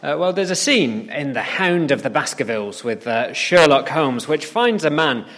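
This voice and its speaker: A man preaching a sermon, telling a story with many "uh" fillers and slowing down for emphasis. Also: a little high, lively intonation, a bit bright. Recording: long hall reverb.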